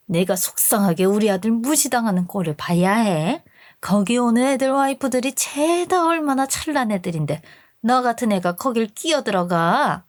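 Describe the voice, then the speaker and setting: A woman's voice: a little high, lively intonation, moderate pace, no room sound, studio quality, close to an everyday voice. A woman voicing a domineering, snobbish older mother-in-law who scolds and sneers at her daughter-in-law in a radio story drama. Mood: furious. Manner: scolding, contemptuous.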